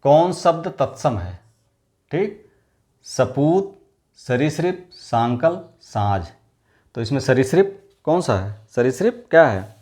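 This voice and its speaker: A man's voice: medium pitch, big pitch swings, slow, darkish tone. A man teaching an exam-prep lesson, asking questions and then answering them himself while repeating the key words.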